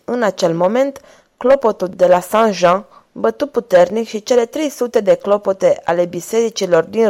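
A woman narrating a chapter of an audiobook in a steady, measured reading. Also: mid-range voice.

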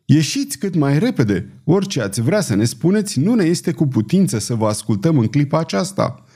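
A man's voice: fairly high pitch, very animated, dark tone, pitched above the performer's own voice. A man voicing a daring male conspirator who gives urgent, clipped orders. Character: tense, daring male conspirator leading an ambush.

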